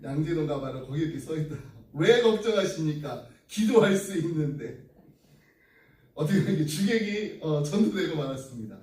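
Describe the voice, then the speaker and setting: A man's voice: a little high, animated, moderate pace, darkish tone. A male pastor preaching an earnest sermon to his congregation, then closing in prayer. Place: church sanctuary. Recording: echoey room, distant mic.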